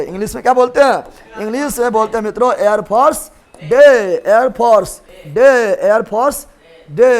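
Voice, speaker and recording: A man's voice: high voice, vocal fry. A man teaching a general knowledge revision class, drilling students with call-and-response and teasing them in colloquial speech.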